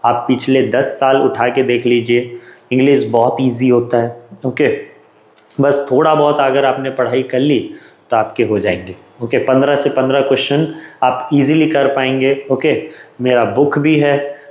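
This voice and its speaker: A man's voice: mid-range voice, darkish tone, echoey room, low-quality recording. A man with an Indian English accent, teaching an exam revision lesson in a chatty, joking way.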